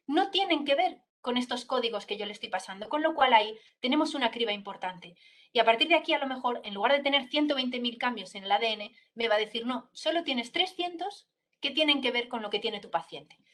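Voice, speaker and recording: Woman doctor, a bit high voice, step-by-step talk to students. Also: a bit bright. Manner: explains step by step, checking in with "¿vale?". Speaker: pediatric neurologist giving a talk to students. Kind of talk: explanatory school talk.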